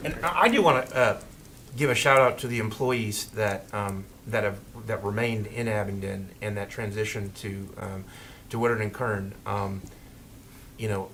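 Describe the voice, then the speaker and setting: A man speaking informally and haltingly as a town official at a council meeting, rambling a little. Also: on the low side, steady tone, fairly bright tone. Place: indoor council meeting room. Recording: noisy meeting room microphone.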